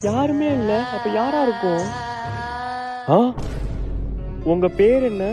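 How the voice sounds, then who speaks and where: Lively teasing man with music behind. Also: high voice, takes it slowly. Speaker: comedy skit performer. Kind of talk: comedy skit dialogue.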